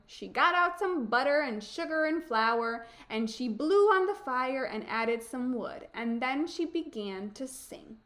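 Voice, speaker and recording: Slow, high-voiced woman reading a storybook. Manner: slow, expressive, emphatic reading. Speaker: teacher. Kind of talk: storybook read-aloud.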